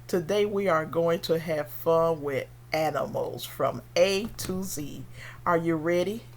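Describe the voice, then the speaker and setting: A woman teaching young children in a slow, sing-song way, with playful animal sounds. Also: low voice. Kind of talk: singalong children's lesson.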